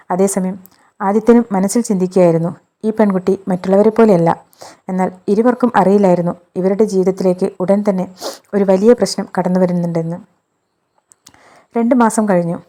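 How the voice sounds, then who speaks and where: Woman, storyteller, scripted narration, steady measured delivery, mellow tone. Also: medium pitch.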